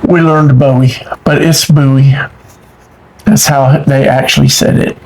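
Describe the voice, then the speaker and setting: A man's voice: fairly high pitch, steady tone, normal speed, gravelly, low-quality recording. A middle-aged man, chatting casually and exclaiming with delight as he unboxes mail for his channel. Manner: warm-hearted, easily delighted, exclaims often.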